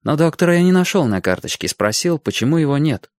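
A man's voice: fairly high pitch, big pitch swings, quick pace, no room sound, studio quality. A man narrating a story in the first person, reading expressively as an audiobook narrator. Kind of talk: scripted narration.

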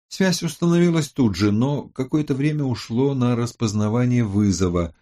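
A man narrating a detective audiobook in a measured, expressive reading. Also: mid-range voice.

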